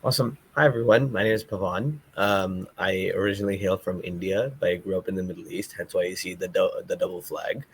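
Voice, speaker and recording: A man's voice: sits low, steady tone, a little fast, hardly any pauses, husky. A young man who grew up in the UAE, a student panelist, introducing himself in an upbeat way with fillers. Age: young adult.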